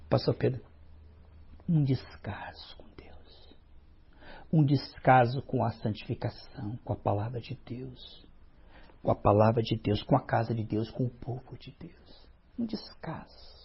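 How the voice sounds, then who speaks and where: Husky preacher man, muffled recording. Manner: storytelling preacher, acts out dialogue. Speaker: pastor. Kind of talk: sermon. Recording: muffled low-fidelity recording.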